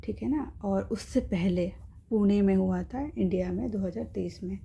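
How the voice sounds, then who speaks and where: A woman's voice: mid-range voice, normal speed, gravelly, warm tone, slightly rough, muffled recording. A woman teaching an exam-prep lesson, explaining step by step in Hindi with English terms and checking in with her viewers.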